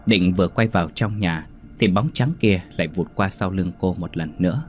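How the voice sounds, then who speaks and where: A man narrating a horror story in a steady, measured storytelling voice. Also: deep voice, soft background music.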